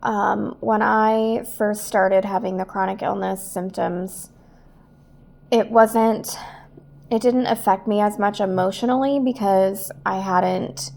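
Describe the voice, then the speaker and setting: Emotional woman podcaster talking it through, bit of vocal fry. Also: medium pitch, steady tone, slow pace, darkish tone. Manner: earnest, emotional, reflective. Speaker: podcast host. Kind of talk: personal podcast monologue.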